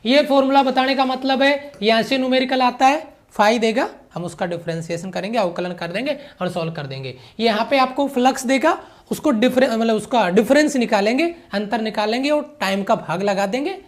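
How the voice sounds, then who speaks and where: This male physics teacher speaks in a very high-pitched voice, moving along fairly quickly during his online lecture. Key phrases come up again and again, English physics terms are mixed in, and he regularly makes sure the class is keeping up.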